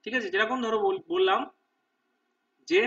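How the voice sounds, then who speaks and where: Brief: male tutor, very high bright voice, distant lo-fi recording, explains multiple-choice answers. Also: fairly even intonation. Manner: reads English options slowly, explains in Bengali with repeated "ঠিক আছে?". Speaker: exam prep teacher. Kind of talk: Bengali lesson walking through multiple-choice questions.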